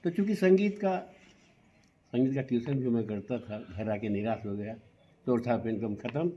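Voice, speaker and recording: A man's voice: medium pitch, normal speed, highs cut off. A middle-aged man with an eastern Uttar Pradesh Hindi accent, telling his story in an interview and putting earnest rhetorical questions to the interviewer. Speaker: singer and actor, interview guest.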